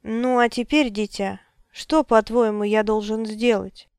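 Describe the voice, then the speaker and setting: A woman voicing a stern male wizard and grieving father, hoarse and commanding, reading an audiobook. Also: on the high side, steady tone, a little slow, dry recording, studio quality. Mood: bitter.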